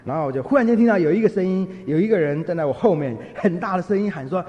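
A man's voice: high voice, very fast. A man giving a sermon, telling stories with humor and acting out what people said. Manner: humorous, lively storytelling, acts out quotes. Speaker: preacher. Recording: echoey hall, dull lo-fi sound.

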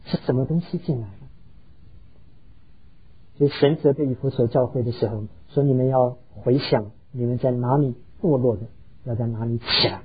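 A man's voice: medium pitch, breathy edge, lo-fi sound. A pastor preaching a sermon, earnestly telling stories and slipping English words into his talk. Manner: earnest, heartfelt storytelling.

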